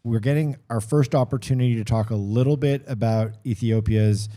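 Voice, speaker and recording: A man's voice: medium pitch, fairly quick, mellow. A man giving conversational live sports commentary on a race, thinking aloud and correcting himself as he goes.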